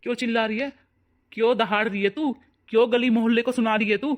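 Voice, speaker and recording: A young husband and devoted son from a cartoon, voiced by an actor. His mid-range voice turns loud and scolding when he argues. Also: medium pitch, steady tone, fast, lo-fi sound, close to an everyday voice. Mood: angry. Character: young husband, protective son, hot-tempered. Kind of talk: cartoon voice acting.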